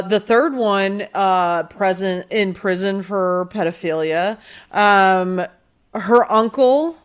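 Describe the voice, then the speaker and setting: Podcast co-host, woman from Texas, unhurried, frank and wry, faint drawl. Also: medium pitch, a bit bright. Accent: slight Texas drawl when tired. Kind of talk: casual profane chat.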